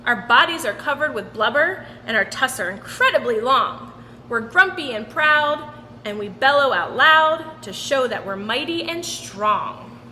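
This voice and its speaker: A woman's voice: high voice, lively intonation, a little slow, sharp tone, heavily acted. A woman voicing a grumpy, proud walrus in blustering children's storybook style. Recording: roomy long reverb with background noise.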